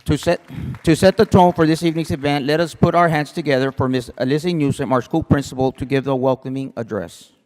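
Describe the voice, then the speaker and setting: A man's voice: a little high, steady tone, fairly quick, darkish tone. Emcee, adult man, formal thank-you reading, long hall reverb. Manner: formal, reads names with small stumbles.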